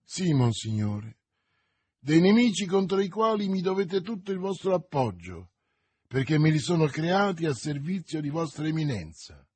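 A man's voice: on the high side, big pitch swings, normal speed, a little mellow, husky, no echo, voice pushed up. A man voicing a cunning, vengeful noblewoman in an audiobook, speaking insistently and vehemently. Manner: insistent, vehement, raised intense delivery. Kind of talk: audiobook character reading.

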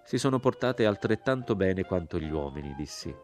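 A man reading a literary novel aloud in a calm, measured way. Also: low voice, faint music behind. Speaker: audiobook reader.

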